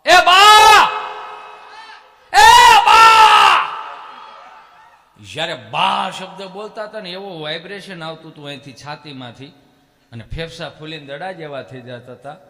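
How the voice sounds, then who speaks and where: High bright Kathiyawadi man on stage. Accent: Kathiyawadi Gujarati. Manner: animated, bursts into loud calls. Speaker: stage comedian. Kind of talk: live folk humor storytelling. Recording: long hall reverb.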